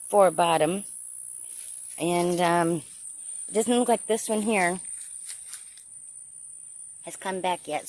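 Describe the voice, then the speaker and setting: A woman narrating a casual garden vlog outdoors, thinking aloud as she works. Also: on the low side. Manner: chatty, thinking aloud while working. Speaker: gardener filming her garden.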